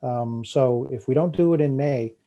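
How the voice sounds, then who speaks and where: Halting Boston man with a dark voice. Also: mid-range voice, muffled recording. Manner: halting, many fillers and restarts. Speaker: town official presenting a park project. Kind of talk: committee meeting discussion.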